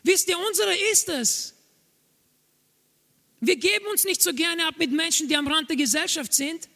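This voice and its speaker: A man's voice: very high-pitched, moderate pace, bright, forceful tone. A man preaching a sermon to a congregation, emphatic and repeating his key phrases. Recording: long hall reverb, faint music.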